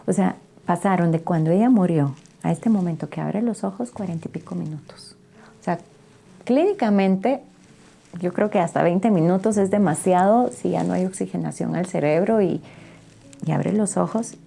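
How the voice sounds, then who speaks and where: A woman's voice: lowish voice, moderate pace, vocal fry, dark tone. A woman giving a personal faith testimony, telling her story earnestly and emotionally and often checking in with tag questions. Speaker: testimony guest.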